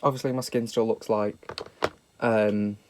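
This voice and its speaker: A young British makeup vlogger chats casually through a tutorial, camp, sweary and self-deprecating, slightly nasal from a cold and a sniffle. His voice is on the low side with flat delivery and a measured pace, and there's background noise.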